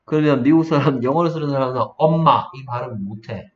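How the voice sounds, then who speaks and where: A man tutoring English pronunciation one-on-one, saying sounds slowly and then faster, and asking the student to repeat them. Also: mid-range voice. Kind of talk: one-on-one phonics lesson. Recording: dull, lo-fi sound.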